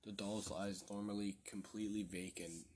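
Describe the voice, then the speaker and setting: Low-voiced guy reading a horror story, measured, keeps restarting words. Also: little pitch movement, darkish tone, slightly rough. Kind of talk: scripted horror story narration.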